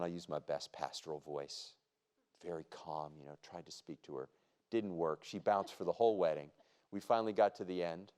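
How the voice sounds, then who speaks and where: A man with a fairly low voice teaches a Bible study as the group's pastor. He talks conversationally and stops often to ask his listeners questions. His sentences restart now and then as he thinks aloud. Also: a little mellow, smooth.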